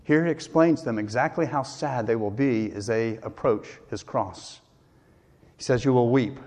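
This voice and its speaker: A man preaching an earnest, emphatic sermon as pastor, with dramatic pauses. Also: medium pitch, darkish tone. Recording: long hall reverb.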